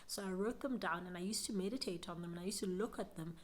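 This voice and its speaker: A woman's voice: fairly low pitch, fast, slight background noise. A young South African woman with a South African accent, giving an earnest, reflective motivational talk to camera about business. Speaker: business vlogger.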